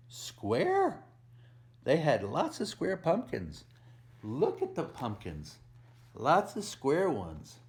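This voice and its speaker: A man volunteering as a storyteller reads a picture book aloud to young children, gently explaining things and asking the listener questions in simple words. His voice is mid-range.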